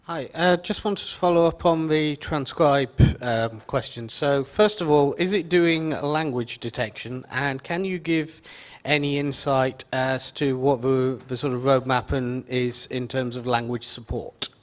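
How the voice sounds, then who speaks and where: Polite man asking a follow-up question. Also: mid-range voice. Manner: polite, slightly halting. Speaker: audience member.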